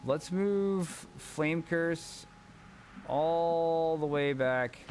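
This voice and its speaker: A man streaming a strategy game, chatting casually with a rambling, excitable, profane manner. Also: on the high side, drawn-out words, a little hiss or hum. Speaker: gaming streamer. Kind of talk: casual gameplay commentary.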